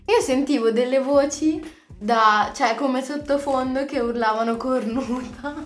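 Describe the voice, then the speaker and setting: A woman talks openly in a casual conversation, her voice sitting fairly high. She speaks in a frank, confiding way, like someone sharing things with a friend. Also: measured pace, roomy sound, soft background music. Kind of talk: casual chat.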